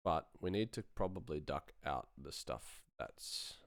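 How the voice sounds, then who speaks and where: A man with a bass voice hosts a live stream, chatting informally and thinking aloud as he works on sound design in a casual tutorial style. He sounds animated yet unhurried, and heavy background noise sits under the recording.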